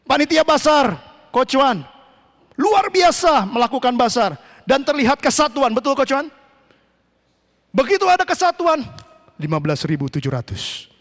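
High-voiced pastor shouting in a reverberant hall. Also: male voice, big pitch swings, moderate pace. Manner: preaching with sudden shouts, mixing in English phrases. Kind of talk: sermon. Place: church hall. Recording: long church hall reverb.

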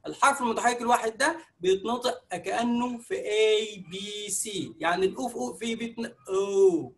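High-voiced Egyptian man teaching. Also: a little fast, fairly bright tone. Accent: Egyptian Arabic. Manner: patient, explains step by step with many fillers. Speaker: English teacher. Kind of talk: explaining a lesson.

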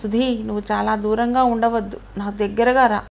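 A woman voicing a young male army captain, a gentle and affectionate bridegroom who speaks softly. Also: a little high, steady tone, a little fast, vocal fry. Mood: tender.

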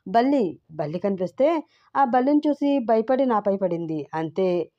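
A woman's voice: medium pitch, animated, normal speed, natural voice. A sly young husband teases with fake tenderness, his lines rising and falling lightly, as a woman reads him. Nothing is pushed far from her own everyday voice. The audio is slightly dull and lo-fi. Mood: mocking. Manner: mock-tender teasing.

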